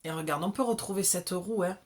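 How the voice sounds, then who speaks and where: A woman from the south of France, with a southern French accent, gives the viewer a casual, chatty spiritual oracle card reading. Her voice is lowish, a little mellow and fairly quick, and she's familiar in manner, frequently checking in with the listener as she talks.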